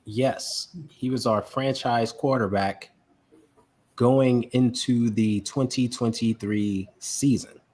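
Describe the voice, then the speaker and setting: A man co-hosting a podcast in casual sports chat, animated and repeating words for emphasis. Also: medium pitch, slow pace. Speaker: podcast co-host.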